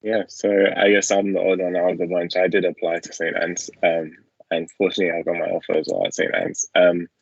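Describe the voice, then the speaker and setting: A young man from England, speaking fairly quickly in a creaky, husky voice, hosts an easygoing student Q&A by video call from a small room at home, with fillers throughout. The laptop webcam mic captures dull, lo-fi audio without echo.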